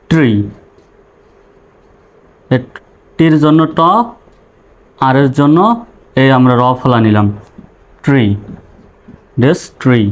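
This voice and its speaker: A man with a Bangladeshi accent gives an English reading lesson at a very unhurried pace. He spells words letter by letter, sounds out each syllable, and repeats them patiently. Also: mid-range voice. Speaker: English teacher. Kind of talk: slow spelling-out pronunciation lesson.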